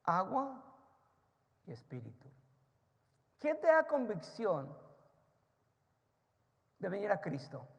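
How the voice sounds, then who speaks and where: A male pastor preaching a sermon, firing rhetorical questions at the congregation and swinging between loud, emphatic rises and soft, low asides. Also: huge pitch swings, slow pace, creaky, pauses often. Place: church sanctuary. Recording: long church-hall reverb.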